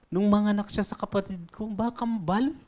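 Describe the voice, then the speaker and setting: A man voicing an excited small child gossiping with other children, in a high, bouncy voice. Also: normal speed, close to an everyday voice. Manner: excited, high-pitched storytelling. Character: chatty small child telling tales.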